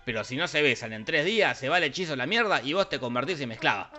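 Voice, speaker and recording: A scheming octopus sea witch makes a blunt, crude bargain in a bright tone. A man voices her with a Rioplatense Spanish accent, as part of a comic cartoon summary. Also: a little high, animated, fast, muffled recording, faint music behind.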